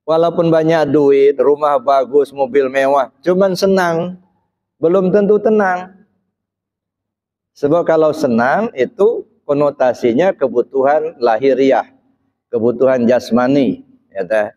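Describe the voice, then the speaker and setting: Speaking a little slowly with frequent pauses, a male Islamic preacher uses a mid-range, slightly mellow voice. He poses questions to the audience, presses them for answers, and repeatedly drops quick "ya" checks between phrases. It's a slightly muffled, dull recording.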